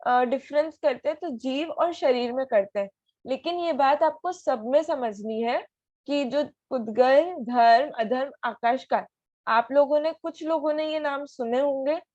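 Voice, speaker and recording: A woman's voice: sits high, a little mellow, no echo, highs cut off. A woman teaching an online class for children, patiently asking them questions over a video call. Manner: patient, asks many questions.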